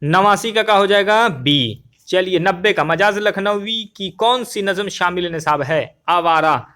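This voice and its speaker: Brisk high-voiced male teacher. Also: sharp tone. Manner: brisk, repeats questions and answers, addresses viewers as friends. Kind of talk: exam answer walkthrough.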